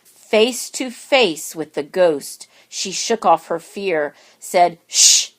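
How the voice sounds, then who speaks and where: A woman with a lowish, animated voice reads a rhyming children's picture book aloud. She is expressive and deliberate, placing dramatic emphasis on words.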